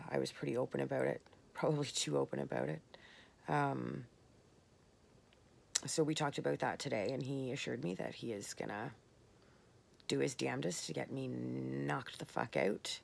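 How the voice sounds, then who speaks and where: A woman talking candidly in a late-night personal vlog, tired and slurring her words, rambling with soft pauses. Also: rumbling low, steady tone, vocal fry, slightly rough. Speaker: vlogger.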